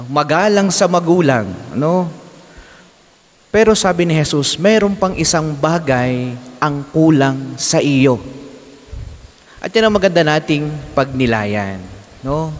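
A young Filipino priest giving a homily in a slow, reflective way, often adding tag questions, speaking into a stand mic in a church. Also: male voice, a little high. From Philippines. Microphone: stand mic in front of speaker. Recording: long reverb of a church hall.

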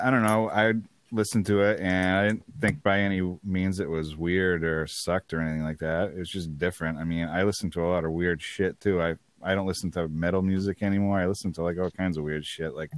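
A man with a low, deep voice. He chats in a relaxed way and swears casually. The sound is dry and close. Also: brisk, no echo. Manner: laid-back, swears freely. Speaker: band guitarist, guest. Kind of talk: casual podcast chat.

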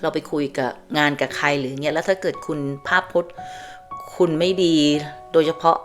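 A chatty woman in her fifties from Thailand, telling stories to her viewers in a casual vlog. Her voice sits very low for a woman, and she repeats phrases as she goes. Soft music plays faintly behind her. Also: brisk. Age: 50s. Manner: chatty, repeats phrases, refers to herself as auntie. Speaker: vlogger. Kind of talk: casual storytelling monologue. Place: home in Canada.

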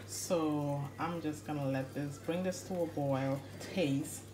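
Chatty Haitian woman with a low voice. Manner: chatty, rambling asides to viewers. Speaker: cooking vlogger. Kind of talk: casual cooking walkthrough. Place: home kitchen. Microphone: phone camera held in one hand. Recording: echoey kitchen, stove and pot noise.

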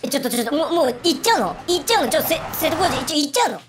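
A man squeaking as a flustered pet bird. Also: very animated, noisy background. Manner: fast, flustered, squeaky questioning. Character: flustered chatty pet bird, high-pitched.

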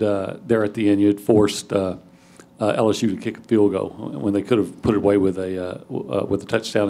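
Halting low-voiced male reporter. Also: a little mellow. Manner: halting question with many "uh"s. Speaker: sports reporter. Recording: off-mic in a room.

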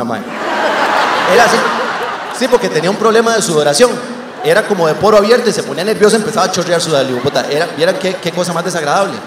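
A man with a Costa Rican accent doing stand-up comedy, telling a crude, swearing story with lively energy on a theater stage. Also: high voice, reverberant, in a large hall.

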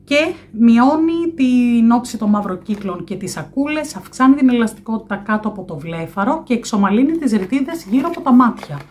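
A woman's voice: on the high side, expressive, darkish tone. A woman in her thirties talks straight to a nearby camera in a small room, walking through products with an easy, chatty flow. She often stops on a filler "e" before brand names. A faint hiss sits under her voice. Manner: chatty, fills pauses with "e". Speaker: vlogger. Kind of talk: product review vlog. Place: small room indoors by a window.

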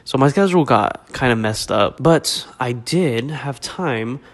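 A man's voice: medium pitch, lively intonation, a little slow. A young man with a stuffed-up, congested voice from a cold, giving a joking, rambling, self-deprecating casual vlog update. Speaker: vlogger.

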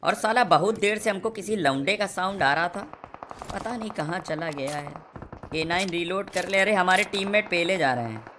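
A man's voice: high-pitched, animated, normal speed, bright, forceful tone, a little hiss or hum. A young man streaming a game and doing sponsored commentary, with crude, rowdy, teasing banter. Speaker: gaming streamer.

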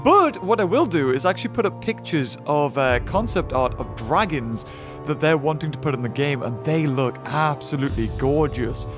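A man's voice: fairly high pitch, lively intonation, normal speed, music in the background. A young man with a sore throat, casually commenting on a game he is playing and reacting aloud to what happens on screen. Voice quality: rough, hoarse from a sore throat. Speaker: gaming video host.

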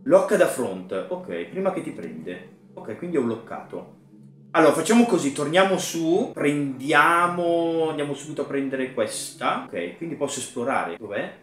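A man's voice: on the high side, expressive, moderate pace, roomy sound, slight background noise. Jumpy man talking through a horror game. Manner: mutters to himself, then shouts when startled. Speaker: gaming YouTuber.

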